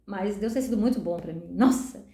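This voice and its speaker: A woman's voice: medium pitch, brisk, dark tone, roomy sound. A middle-aged Brazilian woman pastor giving a candid personal testimony in a conversational way, often checking in with her listeners. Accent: Brazilian Portuguese. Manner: candid, conversational, keeps asking "sabe?".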